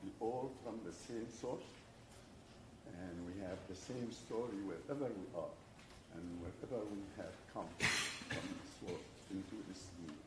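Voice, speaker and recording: Older man from Syria, earnest audience speaker, slow pace, distant in a noisy room. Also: sits low. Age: 70s. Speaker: audience member. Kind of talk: slow personal remarks from the floor. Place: event hall with an audience. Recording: roomy, from far off, noisy.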